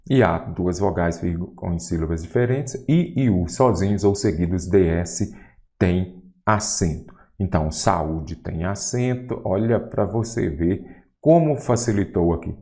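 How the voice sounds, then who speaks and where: A man with a Brazilian Portuguese accent teaching a grammar lesson for exam prep, talking straight to the viewer and asking questions as he goes. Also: fairly low pitch. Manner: didactic, lively, addresses viewer directly with questions.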